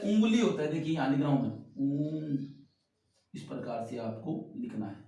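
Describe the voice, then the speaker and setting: A man's voice: a little high, darkish tone. A man teaching Hindi spelling to exam students, explaining each word as he writes it on a board. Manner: explains while writing on a board, repeating words. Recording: very echoey room, mic far off.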